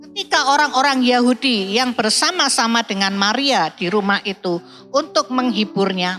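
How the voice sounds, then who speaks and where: This is a woman delivering a sermon at a church service, reading scripture and explaining it verse by verse. Her voice sits a little high and rings bright and clear. Soft music plays faintly behind her. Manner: explaining, often adds "ya" and "Saudaraku". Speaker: preacher.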